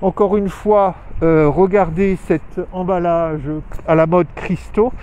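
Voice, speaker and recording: High-voiced yet a little mellow, the man talks slowly in a steady tone as he hosts a weekly live video outside in town. The handheld phone or camera recording has dull audio, and his casual update is rambling and hesitant, with many fillers.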